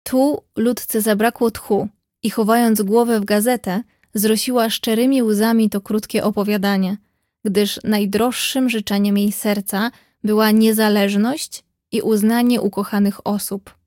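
A woman narrating a classic novel in an even, clear storytelling manner into a close mic. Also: mid-range voice, a little slow, dry recording. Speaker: audiobook reader.

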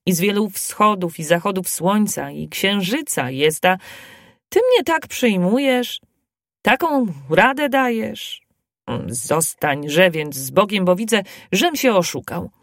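A woman voicing a bold, excitable dwarf. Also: fairly high pitch, a little slow, dry recording, clean studio sound, voice pushed up. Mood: indignant, pleading. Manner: loud, emphatic and indignant.

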